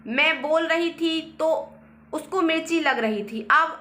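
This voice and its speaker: A woman voicing an angry, quarrelsome young wife who shouts accusations, in a roomy echo. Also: high-pitched, unhurried.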